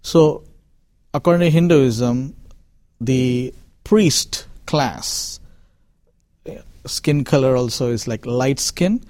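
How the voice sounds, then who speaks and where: A man from Chennai with an Indian accent, calmly explaining as an interview guest, with many fillers. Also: mid-range voice, takes it slowly, long pauses, no echo. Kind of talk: interview answers.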